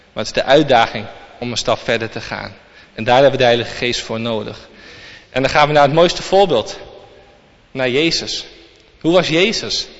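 A man's voice: on the high side, fairly bright tone. Guy preaching a sermon, reads the bible out then explains it, muffled recording. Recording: long reverb, dull lo-fi sound.

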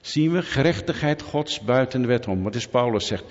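A man delivers a sermon at a medium pitch, pressing his points hard and throwing questions out to the congregation. His voice rings with a long hall reverb. The recording sounds dull and muffled. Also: expressive, normal speed. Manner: emphatic, asks the audience rhetorical questions. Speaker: preacher.

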